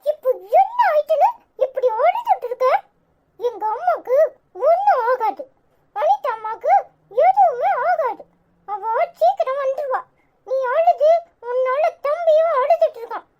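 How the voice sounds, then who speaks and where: A woman's voice: extremely high pitch, animated, unhurried, a little mellow. A woman voicing a bossy older child who scolds firmly, with a Tirunelveli Tamil accent. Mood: scolding. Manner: firm, scolding.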